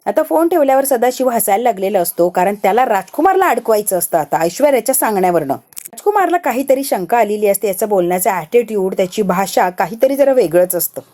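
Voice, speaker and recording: A woman's voice: mid-range voice, fast. A woman chattily recapping the plot of a TV serial in a casual storytelling voice. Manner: chatty, animated retelling.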